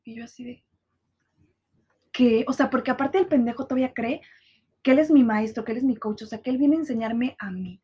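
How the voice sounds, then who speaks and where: A young woman with a Mexican accent, telling a story to her viewers in a casual, slangy and animated way and acting out the lines of the people in it. She sounds stressed and anxious. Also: fairly high pitch, quick pace, husky. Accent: Mexican Spanish. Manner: animated, slangy, acts out quoted dialogue.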